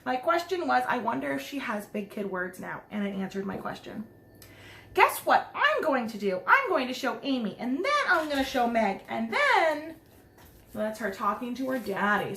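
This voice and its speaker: A preschool teacher reads a picture book aloud to children, expressive and chatty, adding simple explanations along the way. Her voice is fairly high and a bit bright, and the roomy, echoing recording carries a little hiss or hum.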